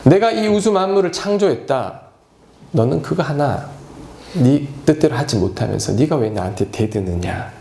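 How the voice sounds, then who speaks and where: A man's voice: fairly high pitch, big pitch swings, a little mellow, roomy sound. A pastor voicing a stern almighty God who fires demanding questions at a man. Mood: scolding. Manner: demanding, rapid-fire rhetorical questions.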